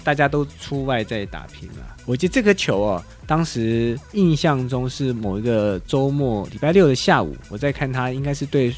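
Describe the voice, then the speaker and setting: A man's voice: mid-range voice, expressive, normal speed, hardly any pauses, faint music behind. A man in his forties with a Taiwanese Mandarin accent, hosting a casual chat and quizzing his guest like a teacher. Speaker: host. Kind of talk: casual show-and-tell chat.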